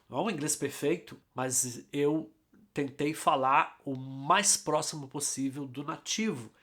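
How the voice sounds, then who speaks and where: A man's voice: on the high side, fairly bright tone. Emphatic male English teacher. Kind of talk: casual teaching talk.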